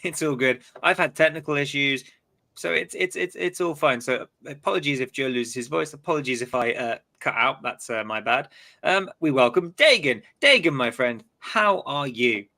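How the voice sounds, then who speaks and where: A man hosts a live-stream fan podcast, chatting loosely and often repeating words as he goes. His medium-pitched voice is bright and forceful, with lively intonation and a normal speed.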